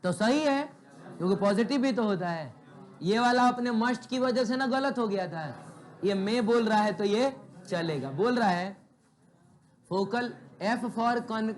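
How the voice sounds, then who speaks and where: High-voiced man teaching a physics class. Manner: explains with rhetorical questions, scolds chatty students. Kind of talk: classroom lecture.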